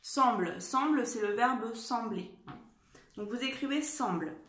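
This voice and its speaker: A woman teacher giving a dictation lesson to young children, spelling out words and letters slowly and carefully. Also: a little high, fairly bright tone, reverberant. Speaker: primary school teacher.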